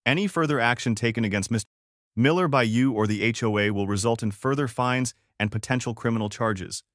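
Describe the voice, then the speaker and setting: A man voicing a calm government official in a suit, polite but firm and authoritative. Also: mid-range voice, fairly quick, dry recording, clean studio sound, close to an everyday voice.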